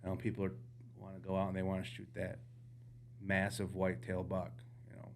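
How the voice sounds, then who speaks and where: A man, an outdoorsman from the United States, telling hunting stories as a podcast guest in casual, animated chat. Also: low voice, brisk, vocal fry, slight background noise. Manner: animated storyteller, jumps into quoted voices.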